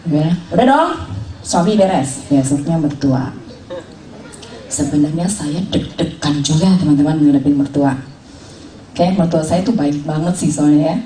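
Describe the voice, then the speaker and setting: A woman, an insurance agent telling her story in a lively way, acting out dialogue and laughing often. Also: deep voice, unhurried, long pauses. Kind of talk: animated personal storytelling. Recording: roomy room, distant mic.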